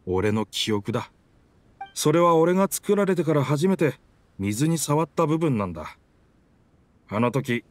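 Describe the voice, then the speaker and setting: A male actor with a slightly high voice plays a proud, dramatic talking pirate ship in an anime video game, using pompous, rough masculine speech. There's no echo, though music plays behind him.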